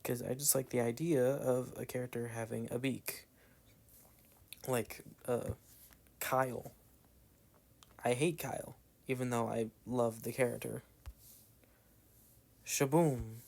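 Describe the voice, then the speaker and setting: A young gameplay commentator from the Southern United States rambles casually while playing a video game, his Southern accent coloring a meandering chat full of "like" fillers and trailing asides. His mid-range, creaky voice is darkish in tone and steady, moving slowly with long pauses.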